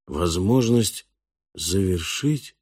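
A man voicing a bewildered adult man who questions sharply and angers quickly. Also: on the low side, mellow, dry recording, clean studio sound, lightly acted. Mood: incredulous. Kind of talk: audiobook character voice.

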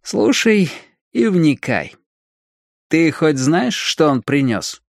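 A man playing a hard, calculating teenage gang leader who speaks in a measured, lecturing way. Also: a little high, big pitch swings, gravelly, no room sound, clean studio sound, voice pushed up, full character voice.

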